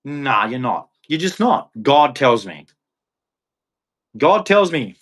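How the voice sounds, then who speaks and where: This Australian streamer talks to his chat in a medium-pitched, sing-song voice, slow and fairly bright. His monologue is a blunt, confrontational rant that closes on a preachy religious note.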